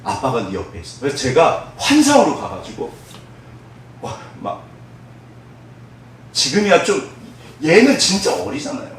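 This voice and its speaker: A man preaching a sermon as pastor, telling a story with big swings between loud and hushed speech. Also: on the high side, wildly swooping pitch, a little slow, long pauses, slight background noise. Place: church sanctuary. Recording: very echoey hall, voice from far off.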